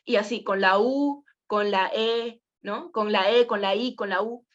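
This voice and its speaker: A woman's voice: medium pitch, unhurried, dull audio. A woman teaching a voice and presenting workshop in a conversational way, with many fillers and questions to the class. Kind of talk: spoken workshop lesson.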